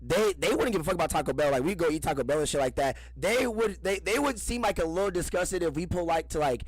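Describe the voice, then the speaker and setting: A man's voice: a little high, animated, fast talker, slightly rough, dry recording, low-quality recording. A man co-hosting a podcast in laid-back, agreeable, profane chat. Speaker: podcast co-host. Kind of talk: casual chat.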